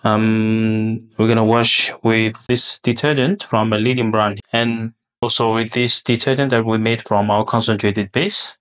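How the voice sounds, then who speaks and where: Slow, halting man demonstrating a lab test. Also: fairly low pitch, flat delivery, fairly bright tone. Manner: halting, many fillers and restarts. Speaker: product demonstrator.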